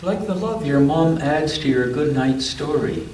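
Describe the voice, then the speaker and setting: Children at a church story time hear a man read a picture book in a fairly high, slightly mellow voice with lively intonation, as he breaks off for comments and questions about the pictures. The roomy church echoes, the mic sits far away, and background noise comes through.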